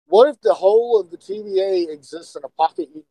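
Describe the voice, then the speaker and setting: A man co-hosting a casual podcast, talking excitedly and speculating, often stumbling and repeating words. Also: sits high, quick pace, no echo, poor audio. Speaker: podcast co-host.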